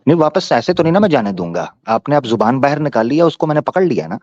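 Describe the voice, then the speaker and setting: A man hosting a debate, teasing and pressing his questioner, then slowing down to explain point by point. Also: mid-range voice, big pitch swings, a little mellow, no room sound. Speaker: debate host answering a questioner. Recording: dull dry lo-fi sound.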